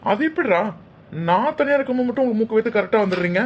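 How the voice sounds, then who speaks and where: A man's voice: very high-pitched, animated, racing, a little hiss or hum. A man voicing a protective brother in a cartoon, scolding and sarcastically threatening the other family. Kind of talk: cartoon dialogue acting.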